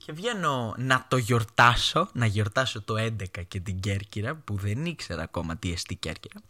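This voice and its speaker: A young Greek man hosting his own podcast, telling casual stories and acting out his family's voices. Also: on the low side. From Greece. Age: young adult. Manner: animated, acts out his mother's voice in quoted lines. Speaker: podcast host. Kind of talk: casual storytelling monologue.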